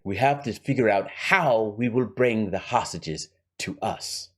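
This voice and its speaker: A man voicing a scheming male villain who plots a heist, in a deliberately poor put-on German accent, with theatrical pauses and hushed emphasis. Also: on the low side, faint music behind. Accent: put-on German villain accent, admittedly poor.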